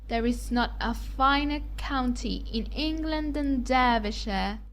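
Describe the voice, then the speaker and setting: Woman doing snooty gushing young society lady, high and slow, audiobook drama, noisy recording. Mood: haughty, flattering.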